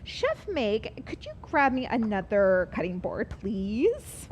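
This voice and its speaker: A woman's voice: on the high side, huge pitch swings, slow, a little hiss or hum. A woman teaching a live online cooking class, chatty and upbeat, explaining each step as she works.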